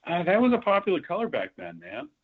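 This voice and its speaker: Animated man on speakerphone. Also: high-pitched, fast, breathy edge. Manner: rambling, with many fillers and restarts. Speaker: racehorse owner and breeder, guest. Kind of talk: casual interview storytelling. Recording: muffled phone line.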